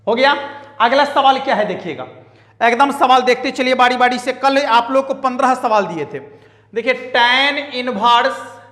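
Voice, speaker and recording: A man's voice: extremely high pitch, moderate pace, bright, forceful tone. A man teaching a math lesson, emphatic and repetitive, scolding and joking with students. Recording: echoey room with long reverb.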